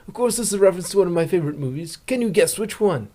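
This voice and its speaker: A man voices a good-natured, pun-loving pony narrating a fan comic blog, speaking very fast in a high-pitched, dark-toned voice with lively intonation. He's cheerful, chatty, and eagerly asks questions.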